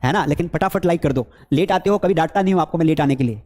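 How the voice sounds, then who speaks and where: A man's voice: fairly high pitch, racing, darkish tone. A man teaching English in a live online class, with a Hindi accent, coaxing students with repeated questions.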